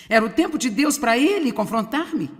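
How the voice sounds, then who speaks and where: A woman preaching a sermon in an animated way, with wry humor and frequent asides to the audience. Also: a little high, long reverb tail. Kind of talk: sermon, dubbed.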